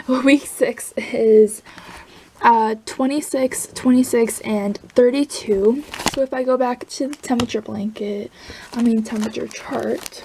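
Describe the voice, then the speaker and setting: A woman chatting casually about her crochet project, rambling and laughing softly between thoughts. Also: on the high side. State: hiccups. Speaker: crochet vlogger. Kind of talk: casual chat.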